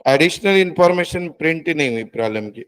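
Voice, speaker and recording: Man, accounting tutor, fairly high voice, quizzing students. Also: expressive, fast talker, fairly bright tone, smooth. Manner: coaxing, addresses students as beta, quizzes them. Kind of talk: classroom teaching.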